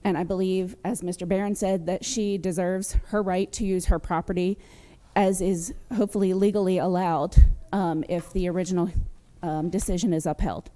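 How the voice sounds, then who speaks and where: A woman, a social work supervisor, giving composed, supportive public testimony with occasional pauses. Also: on the low side, fairly even intonation, mellow, faint music behind.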